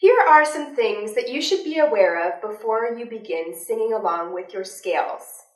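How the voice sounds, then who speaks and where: A young adult woman giving a vocal lesson, explaining clearly and demonstrating with sung examples. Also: on the high side, expressive, moderate pace. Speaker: vocal instructor. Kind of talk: instructional voice lesson. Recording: roomy, from a distance, with faint music.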